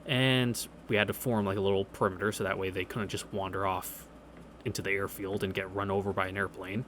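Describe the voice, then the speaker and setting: A low-pitched man with a level, fairly bright tone reads a visual novel briskly, with slight background noise in the recording. His let's play is casual and easygoing, mixing in wry remarks, reactions, and anecdotes as game music plays.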